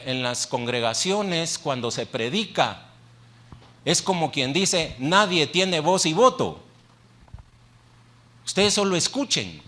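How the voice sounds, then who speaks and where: Speaking conversationally through a handheld mic, this male pastor delivers a church sermon with a fairly high, bright and forceful voice. He poses questions to the congregation and leans on repeated phrases to drive points home.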